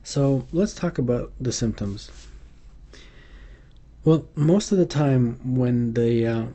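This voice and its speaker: This unscripted lecture features a man teaching a medical exam tutorial over slides, hesitant and filled with fillers and restarts. His mid-range voice is mellow and slow.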